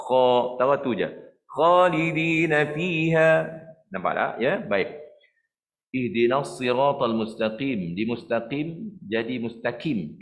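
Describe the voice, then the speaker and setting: A man with a Malaysian Malay accent from Perak, teaching a Quran recitation lesson online, explaining patiently and demonstrating letter sounds and slow chanted verses. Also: mid-range voice.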